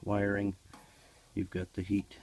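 Low, slow-talking repair man. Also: completely flat delivery, darkish tone, a little hiss or hum, poor audio. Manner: plain, practical explaining with frequent uh fillers. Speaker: HVAC technician. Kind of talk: hands-on repair tutorial. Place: basement furnace area and workshop floor. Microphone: camera held by the speaker while working.

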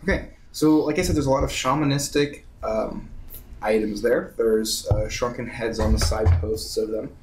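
A man's voice: mid-range voice, moderate pace, darkish tone, slight background noise. A man narrating a tabletop game as game master in a casual, conversational way.

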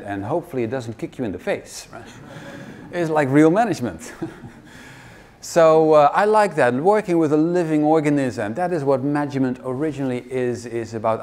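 A middle-aged man giving a wry, joking conference keynote in a large hall, speaking into a headset mic. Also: medium pitch. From Netherlands. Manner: wry, joking, lively presenter.

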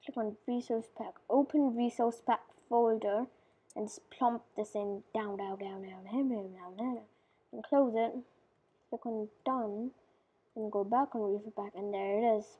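In an unhurried, mellow and husky voice of medium pitch, a person rambles over a game tutorial with fairly even intonation. They drift into mumbles and whispers, correct themselves often and lean on fillers, while the recording loses its high frequencies.

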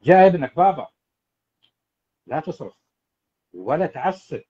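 In a lo-fi recording, a parenting coach with a high, slightly breathy voice gives a live talk. He addresses his listeners directly, sounding animated, preachy and emphatic.

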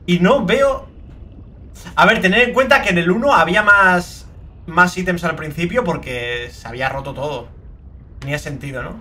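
A young man with a Spain Spanish accent doing let's play commentary, excitable and swearing a lot, with sudden shrieking outbursts. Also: sits high, moderate pace. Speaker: gaming video creator.

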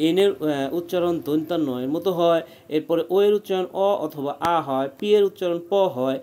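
A man's voice: high-pitched, darkish tone. A man talks through a spelling lesson one letter at a time. His voice sits a little above the usual male range. He checks in often to keep the student following along. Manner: patient, explains letter by letter and keeps checking "ঠিক আছে?". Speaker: teacher.

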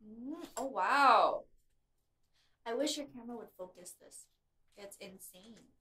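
A woman's voice: a little high, lively intonation, slow, pushed and bright. A woman eating and chatting casually with her brother at a table at home, enthusiastic and laughing a lot. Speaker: guest, vlogger's sister. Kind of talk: casual mukbang chat.

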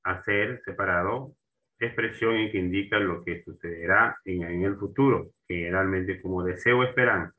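A man's voice: low-pitched, pushed and bright, rough recording. A man teaching a grammar lesson, repeating terms and checking in with his students as he goes. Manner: slow and repetitive, restarting words and asking for agreement.

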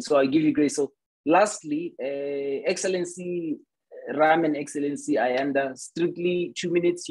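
A man's voice: a little high, breathy edge, poor audio. A man moderating an online panel in a formal way, addressing guests by title. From South Africa. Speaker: facilitator.

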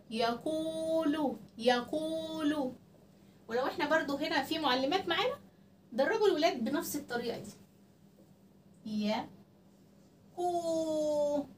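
A woman with an Egyptian Arabic accent teaching children dictation, stretching out syllables slowly and repeating words. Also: high-pitched, slight background noise. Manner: slow, drawn-out syllables for dictation.

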